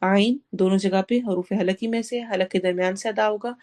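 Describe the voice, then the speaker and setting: Woman, Quran teacher, tajweed lesson, mellow tone, slow drawn-out recitation, explains each sound, mixes in English words. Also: medium pitch, steady tone.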